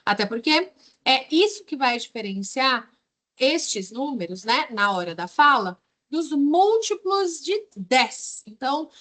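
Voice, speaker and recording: A woman's voice: sits high, very animated, takes it slowly, a bit bright. A woman with a Brazilian accent teaching English in a video lesson, explaining patiently and drilling words one by one. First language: Portuguese.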